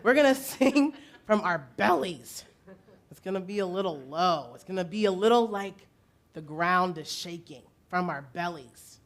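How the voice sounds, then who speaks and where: A woman's voice: lowish voice, expressive. A woman leading a congregation in learning a song, playful and encouraging, her voice a bit worn from being recently lost. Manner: playful, encouraging, slow and deliberate. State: recovering from a lost voice. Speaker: song leader at church service.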